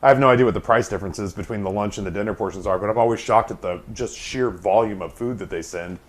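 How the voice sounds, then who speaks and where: A man's voice: fairly low pitch, fast. A middle-aged man chatting casually as a streamer, with a wry, playful, teasing manner and lots of joking. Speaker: streamer hosting a charity subathon.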